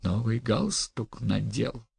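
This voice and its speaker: A man voicing an imperious aging noblewoman who scolds in shrill outbursts and hissed whispers. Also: normal speed, gravelly, darkish tone, slightly rough, dry recording. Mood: hissing. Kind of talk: audiobook character reading.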